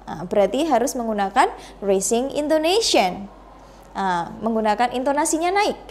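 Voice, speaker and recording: A young woman with an Indonesian accent teaches an English pronunciation lesson, switching between languages. Her voice sits a little high, and she stretches drilled examples slowly to stress rising and falling intonation. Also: a little mellow. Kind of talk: bilingual classroom lesson.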